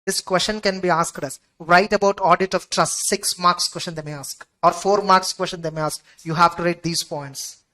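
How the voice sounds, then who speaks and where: A woman's voice: on the low side, fairly even intonation, moderate pace, few pauses, fairly bright tone, low-quality recording. A woman with a Tamil Indian accent lecturing a class, emphatic and repetitive, often checking understanding with rhetorical questions. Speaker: audit exam teacher.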